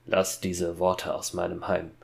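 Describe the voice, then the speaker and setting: A man's voice: low-pitched, monotone, unhurried, creaky, heavily acted. A man voicing a tense, bearded woodcutter father. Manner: tense and anxious.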